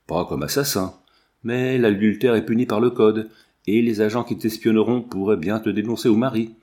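A man's voice: lowish voice, fairly even intonation, moderate pace, warm tone, lightly acted. A man reading the part of an ironic, worldly husband who lectures his friend, in an audiobook character reading. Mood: lecturing. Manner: teasing, lecturing, lightly ironic.

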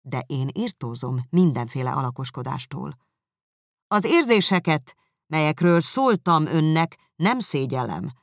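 Brief: narrator as haughty young gentleman, cool and measured, dry close sound. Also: medium pitch, no room sound, natural voice. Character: proud cold young gentleman. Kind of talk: audiobook character reading.

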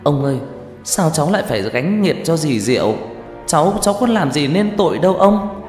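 A man's voice: sing-song, brisk, a little mellow. Man doing a scared young woman begging. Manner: high, shaky pleading. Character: frightened young woman begging her dead grandfather. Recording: reverberant room with faint music.

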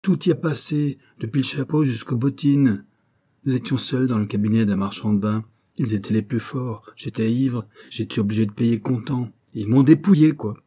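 A man's voice: medium pitch, moderate pace, dark tone, breathy edge, close to an everyday voice. A man voicing a cocky young male street rascal in an audiobook, grumbling and indignant in slangy speech.

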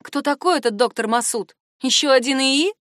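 A woman voicing a stubborn, sharp-tongued older woman who talks back defiantly in a raised voice. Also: high-pitched, normal speed, dry recording, studio quality, voice pushed up.

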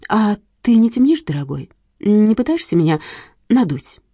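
Woman voicing a scheming widow, purring, sweetly mocking, warm lively tone, audiobook. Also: mid-range voice, moderate pace, breathy edge, no echo, studio quality, voice pushed up. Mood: sweetly menacing.

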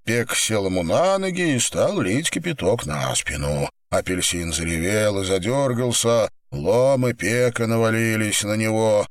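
A man reading a crime novel aloud as narrator, measured and dramatic. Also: fairly low pitch, lively intonation, no echo, clean studio sound. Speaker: audiobook narrator. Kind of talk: scripted narration.

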